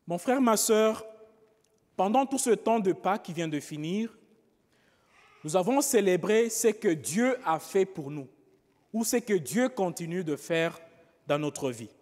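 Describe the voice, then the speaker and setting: Male priest, homily, slow and pausing, fairly high voice, long church reverb. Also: lively intonation, a little mellow. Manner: slow, pausing, with frequent rhetorical "n'est-ce pas".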